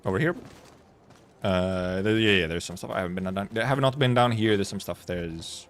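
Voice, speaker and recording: A game streamer gives casual live commentary on his gameplay, rambling and muttering to himself. His voice sits low and moves at a normal speed.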